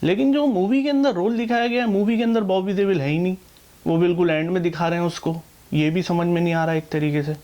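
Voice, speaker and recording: A man's voice: high voice, fast, a little mellow, dull audio. A man giving a casual film review with rhetorical asides to viewers.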